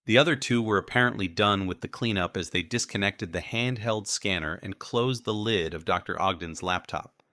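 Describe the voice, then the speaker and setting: A male audiobook narrator reads in a steady, measured way. His voice sits low and sounds bright and forceful. The recording is dry and close, with no room sound. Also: no room sound. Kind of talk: scripted first-person narration.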